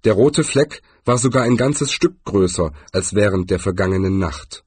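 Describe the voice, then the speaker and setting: A man reading a fantasy story aloud as audiobook narrator, calm and unhurried. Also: on the low side, husky, no echo. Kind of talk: scripted narration.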